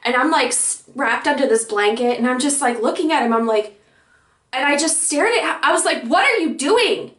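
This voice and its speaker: Bubbly young woman in an echoey room. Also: on the high side. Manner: bubbly, giggly, acts out both sides of conversations. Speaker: vlogger. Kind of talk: excited personal storytelling.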